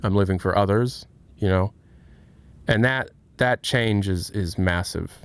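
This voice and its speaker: Streamer, male, late twenties: lowish, smooth, candid, halting. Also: no room sound. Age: 20s. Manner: candid, reflective, halting with many restarts. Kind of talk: casual livestream chat, answering chat.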